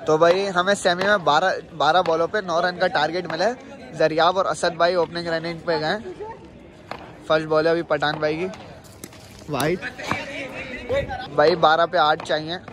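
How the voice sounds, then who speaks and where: A man's voice: on the high side, fairly even intonation, moderate pace, long pauses. A young man gives eager ball-by-ball commentary on a street cricket match, cheering his teammates on. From Pakistan. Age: young adult. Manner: eager, counting balls and runs, cheering teammates. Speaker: vlogger and team player. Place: outdoor street cricket ground at night. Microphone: handheld phone. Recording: outdoor phone audio with crowd noise.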